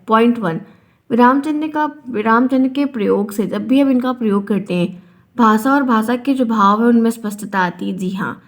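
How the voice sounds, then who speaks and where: Higher-voiced woman teaching a grammar lesson. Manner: explains by repeating, acts out example sentences. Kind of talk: online Hindi grammar lesson.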